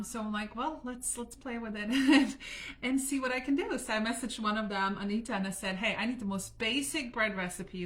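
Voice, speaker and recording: A woman's voice: medium pitch, fairly bright tone. A woman from Germany chatting through a live home baking session in her kitchen, laughing often and talking straight to viewers. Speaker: home cooking livestream host. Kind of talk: casual live cooking chat.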